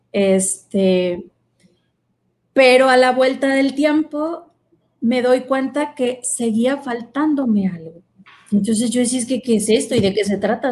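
A woman shares her personal testimony in a relaxed interview. Her voice sits a little high, and she talks earnestly with plenty of fillers and pauses. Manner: earnest, storytelling, many fillers. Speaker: guest sharing her vocation testimony.

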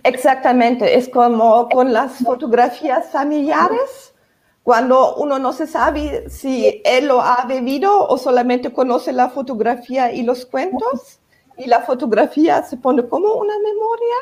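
A woman with a fairly high voice speaks at a very slow pace. She has a foreign, non-native accent in Spanish and searches for her words as she explains her writing in a panel discussion. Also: a little mellow. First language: not Spanish. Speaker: novelist, panel guest.

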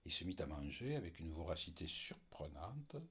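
A man narrating an audiobook in a measured storytelling manner. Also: very deep voice, big pitch swings, a bit bright, husky.

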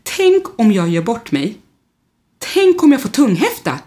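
A woman reading a storybook voices an excitable, nervous young man who bursts into high exclamations. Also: natural voice. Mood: panicked. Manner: high-strung, shrill exclamations.

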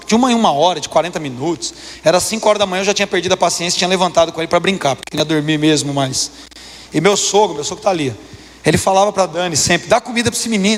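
A Brazilian man in his thirties preaching a sermon as pastor, impassioned, his voice climbing higher when he presses a point. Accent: Brazilian Portuguese. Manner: impassioned, rises in pitch when preaching hard. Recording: long hall reverb.

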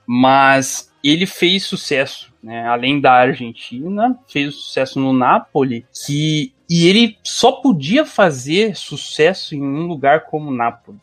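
A man sharing memories in a casual podcast chat, reflective and often restarting his phrases. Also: fairly high pitch.

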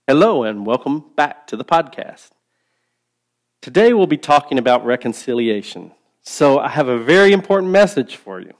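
A man's voice: medium pitch, big pitch swings, moderate pace. A man hosting a teaching sermon podcast, speaking emphatically and putting rhetorical questions to the listener. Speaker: podcast host and Bible teacher.

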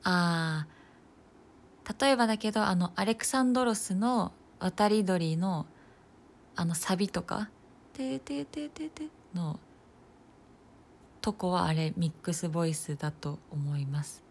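A young woman in her twenties talking casually and alone in a slightly low voice. She muses loosely as she goes, trailing off into fillers and small laughs. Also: unhurried. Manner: musing, loose and chatty, with soft laughs and frequent fillers. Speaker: nursing student podcaster. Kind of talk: casual solo talk.

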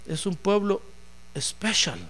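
A man preaching a sermon in an animated, joking way, acting out voices as he tells the story. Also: high-pitched, measured pace.

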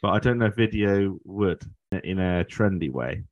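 A man's voice: deep voice, expressive, moderate pace, no room sound, lo-fi sound. A British man hosting a podcast, chatting casually in a rambling, conversational way. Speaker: podcast host. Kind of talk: casual chat.

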